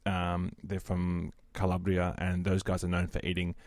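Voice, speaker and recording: A man's voice: deep voice, completely flat delivery, normal speed, darkish tone, dry recording. A man, a podcast co-host chatting casually with friends. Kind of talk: casual chat.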